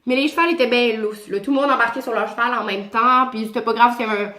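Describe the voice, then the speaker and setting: A woman with a Québécois accent recounts a storytime in casual, slangy French full of energy. Her voice sits a touch high. The room around her adds a noticeable echo. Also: fast. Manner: animated, slangy, chatty. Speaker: vlogger. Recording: echoey room.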